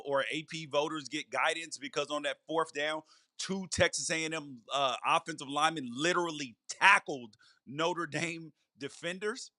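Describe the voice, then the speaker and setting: A man's voice: fairly high pitch, sharp tone, dry recording, clean studio sound. A man co-hosting a college football podcast, casually dismissive and repeating himself as he argues. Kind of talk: casual sports debate.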